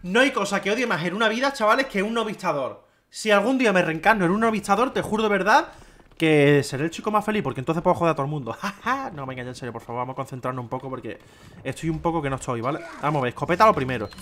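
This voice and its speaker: A young man with a Spain Spanish accent giving casual, excitable gaming commentary, swearing and talking to his viewers. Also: on the high side, very fast, a little hiss or hum. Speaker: gameplay streamer. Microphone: desk microphone.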